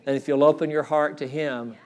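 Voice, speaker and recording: A middle-aged male pastor preaching a sermon in a church, earnest, repeating phrases and dropping to a soft hush for quoted words. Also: fairly high pitch, fairly even intonation, fairly quick. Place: church sanctuary.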